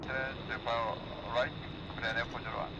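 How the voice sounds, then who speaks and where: A man's voice: mid-range voice, level tone, fairly quick, highs cut off. A man speaking clipped aviation phraseology over an air traffic control radio transmission. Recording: distant radio feed with loud static noise.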